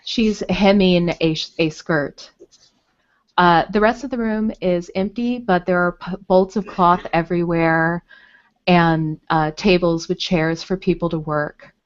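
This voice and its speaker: A woman's voice: lowish voice, unhurried. A woman narrating as dungeon master, describing the scene with frequent fillers. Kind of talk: narrating a tabletop game. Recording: dull lo-fi recording.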